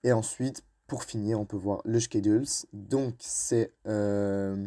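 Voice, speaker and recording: A man's voice: fairly low pitch, fairly even intonation, slow, warm tone. A young man, explaining step by step with many fillers and restarts. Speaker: YouTuber. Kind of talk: screen-recorded tutorial narration.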